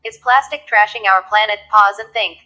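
Female text-to-speech robot voice, crisp and bright, reads screen text aloud in an even, machine-like tone. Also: medium pitch, normal speed, highs cut off, faint music behind. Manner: even, mechanical read-aloud delivery. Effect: synthetic text-to-speech voice. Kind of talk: computer reading text aloud.

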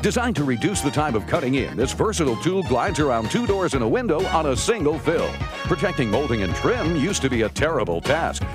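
An American male announcer narrates a scripted TV commercial with a highish, very animated delivery. He sounds polished and upbeat, selling over a clear music bed.

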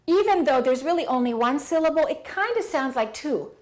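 A woman demonstrates pronunciation, speaking clearly and deliberately. Her voice is fairly high and very lively in pitch. She sounds like a practiced teacher. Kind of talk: clip from an English lesson.

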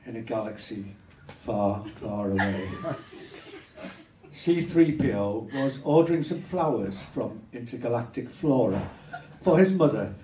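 An older man with a Hull accent delivers spoken word poetry at a slow, deliberate pace, wry and pointed with flashes of anger. He speaks into a stage mic, heard from across a small venue, and the room's echo rings around his voice. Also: medium pitch, animated, distant mic, noisy background. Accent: Hull, Yorkshire. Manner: measured, wry, with bursts of anger. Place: small dark performance venue. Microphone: stage mic on stand, filmed from far. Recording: roomy venue sound from afar.

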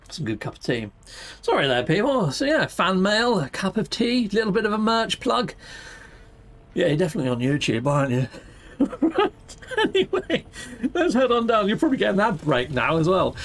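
Middle aged guy doing a gaming stream, high voice that bounces all over, chatty and playful. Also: sing-song, a little fast. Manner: exuberant, peppered with playful catchphrases. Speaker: YouTube gaming host. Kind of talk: casual gaming stream chat. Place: indoor home streaming setup, seated.

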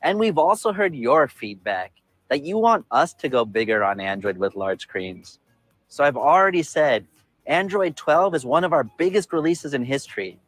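A man in his forties delivering a scripted tech keynote presentation outdoors on a city rooftop, upbeat and measured. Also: a little high, sing-song, a bit bright, dry recording, soft background music.

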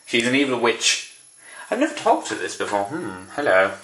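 A woman's voice: very deep voice, big pitch swings, normal speed, a bit bright, a little hiss or hum. Playful woman narrating a home vlog. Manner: playful, mock-documentary narration. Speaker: vlogger. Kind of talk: casual vlog chat. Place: bedroom. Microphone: camera.

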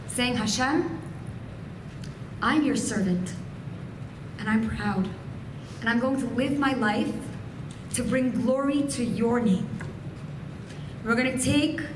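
Her voice is on the high side: she's a keynote speaker in her thirties, a native Farsi speaker from a Persian family, addressing women with an inspirational speech. She gestures expressively at a podium mic on a stand. The recording, made indoors in a hotel function room, carries echo and background noise.

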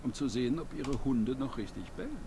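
A composed male doctor from a video game asks questions in an even, clinical manner. His voice has a gravelly edge and a lively lilt, and the game audio carries a clear layer of background noise. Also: medium pitch, fairly quick. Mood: calm questioning. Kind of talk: German video game dub.

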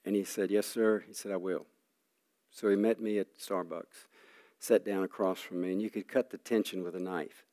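An older man giving an earnest sermon testimony, telling a personal story with halting restarts and frequent throat clearing. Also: sits low, fairly even intonation, dark tone. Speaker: preacher.

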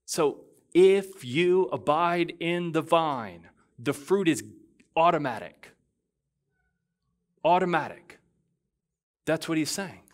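A man's voice: a little high, animated, slow pace. A man, a pastor, preaching a sermon, mixing conversational asides and restarts with emphatic passages that build in intensity. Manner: builds to emphatic, rising intensity on key phrases. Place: church.

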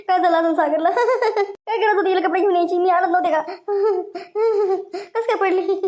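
A woman's voice: very high voice, darkish tone. A woman voicing a worried older mother-in-law in a cartoon story, wailing and pleading anxiously.

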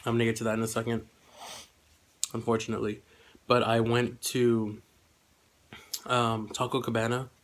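A young adult man vlogs from a small room at home, rambling casually and hesitantly through an eating-vlog chat. His voice is medium-pitched and slightly congested, delivered completely flat at a moderate pace with long pauses.

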